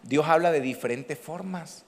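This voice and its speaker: A man's voice: fairly high pitch, normal speed. A man preaching a sermon as pastor, calling out emphatically to his congregation. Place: church hall. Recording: church hall reverb.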